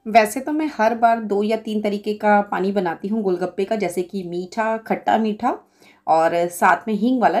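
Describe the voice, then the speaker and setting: A woman's voice: medium pitch, a little mellow. A woman in her forties from India, explaining a home recipe step by step in a chatty voice-over with small fillers. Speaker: cooking vlogger.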